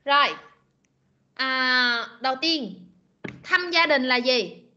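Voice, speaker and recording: A woman teaches over a video call, patiently saying each word several times so the children can copy her. Her voice is bright and fairly high. The sound is dull and lo-fi, as in a meeting recording. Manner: patient, models pronunciation by repeating words slowly. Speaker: English teacher. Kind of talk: online class instruction.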